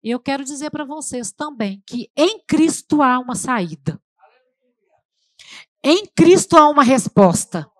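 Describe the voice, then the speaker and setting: A woman's voice: high voice, no echo. A middle-aged woman with a Brazilian accent, preaching an emotional testimonial sermon in church and often calling out to the congregation. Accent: Brazilian Portuguese. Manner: emotional, conversational, addresses audience as "gente".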